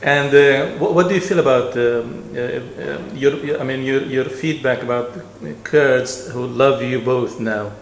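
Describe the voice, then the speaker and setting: A man's voice: mid-range voice, vocal fry. Male host, hesitant questioner who stumbles and repeats, recorded in a roomy space. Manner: halting, repeats words while asking. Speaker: interviewer. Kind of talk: casual interview questions. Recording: echoey room, faint noise.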